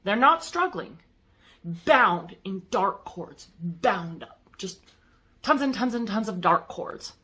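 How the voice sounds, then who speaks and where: A woman casually recounting a personal spiritual experience to her viewers, rambling and halting with lots of fillers. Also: mid-range voice, animated, pushed and bright. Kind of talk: casual first-person storytelling.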